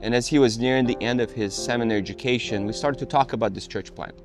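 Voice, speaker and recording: A man, a mentoring pastor, speaking in a measured, affirming way. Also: mid-range voice. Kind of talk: testimony interview. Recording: music bed under voice.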